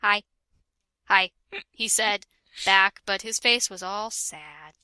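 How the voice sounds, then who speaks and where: On a dry recording, a young woman delivers a comedic dramatic reading of fan fiction, chatting between passages and slipping into jokes and mock-dramatic voices. Her mid-range voice is bright, forceful and clean, and she takes it slowly.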